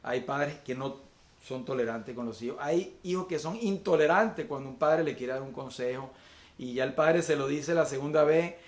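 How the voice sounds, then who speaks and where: A man's voice: medium pitch, echoey room. A man preaching an online Sunday sermon as pastor, often repeating words and using fillers while he searches for the next phrase. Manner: slows to list virtues one by one.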